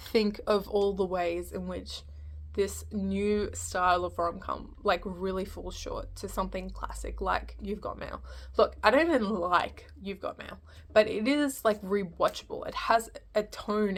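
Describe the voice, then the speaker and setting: A woman giving a casual, unscripted film review, hesitant and rambling as she thinks aloud. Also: mid-range voice.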